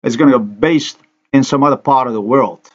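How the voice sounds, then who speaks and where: A man's voice: medium pitch, a little fast, slightly rough, lo-fi sound. A man from Slovenia, a native Slovenian speaker, giving an angry, accusatory, repetitive monologue over a screen recording.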